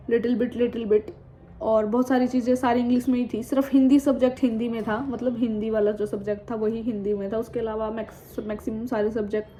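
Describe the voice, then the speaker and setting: A woman's voice: fairly high pitch, mellow. A woman in her twenties chatting casually in a vlog, reading viewer comments aloud and frankly answering back, mixing English words into her talk. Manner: mixes Hindi with English words and phrases. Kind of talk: casual chat. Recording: dull, slightly muffled sound with faint background noise.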